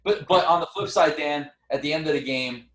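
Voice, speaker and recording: A man co-hosting a casual sports debate, animated and often restarting his sentences as he argues. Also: a little high, a little fast, recorded from a distance. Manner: animated, stumbles and restarts when arguing. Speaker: co-host. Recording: echoey room, away from the mic.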